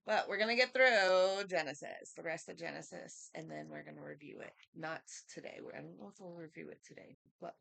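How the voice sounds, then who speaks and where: A woman leading a casual Bible study, reading scripture aloud with chatty asides and frequent laughs, in a soft, low-set voice, recorded on a built-in computer microphone. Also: a little fast, gravelly, few pauses. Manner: chatty and self-deprecating, laughs often.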